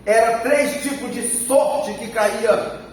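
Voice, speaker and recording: A man's voice: very high-pitched, fairly even intonation, takes it slowly. A man with a Brazilian Portuguese accent preaching a sermon, emphatic and repeating his phrases. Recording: echoey church from a distance, faint noise.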